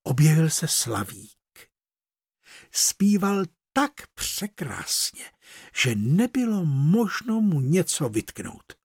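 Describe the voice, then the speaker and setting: An expressive narrator reading a fairy tale aloud, slowing on key words. The voice is husky and swings widely in pitch. It sounds close and dry, with no room around it. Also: no room sound. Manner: expressive storytelling, slows for emphasis.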